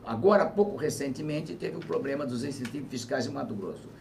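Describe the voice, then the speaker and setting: A man in his seventies, a former governor, talks through politics in an interview, reflective and measured with emphatic bursts. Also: medium pitch, animated, vocal fry, darkish tone. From Brazil. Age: 70s. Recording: distant mic with faint ambient noise.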